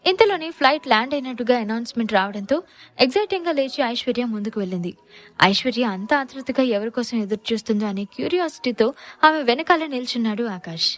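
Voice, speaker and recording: Woman narrator for an audio story, high voice, lively and expressive delivery. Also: fast talker, soft background music.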